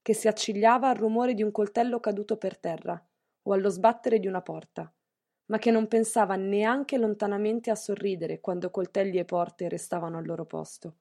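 In this scripted audiobook narration, a woman speaks in a mid-range voice. Her storytelling is steady and measured.

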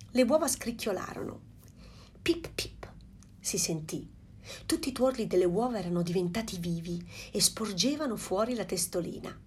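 A woman narrating a fairy tale aloud in a calm storytelling manner. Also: mid-range voice, slight background noise.

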